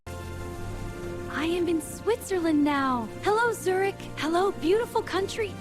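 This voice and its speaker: A woman playing an excited young tourist, narrating a beginner English lesson with very slow talking in short simple sentences. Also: extremely high pitch, music in the background.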